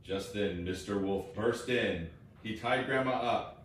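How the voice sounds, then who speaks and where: A man narrating a children's fairy tale play with expressive storytelling. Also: fairly low pitch, unhurried. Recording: distant, echoey, noisy home recording.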